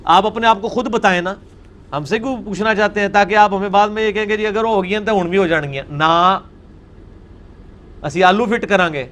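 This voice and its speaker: A man's voice: high-pitched, fairly even intonation, fairly bright tone, slight background noise. A man giving a religious lecture, arguing and mocking his opponents' views. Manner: mocking, argumentative, mimics opponents.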